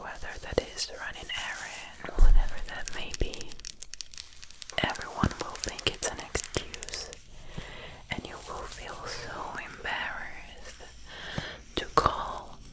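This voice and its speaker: A woman whispering softly and very close into a binaural mic in an ASMR talk, with deliberate pauses. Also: low-quality recording. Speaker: ASMR creator. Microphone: close binaural microphone, ear to ear.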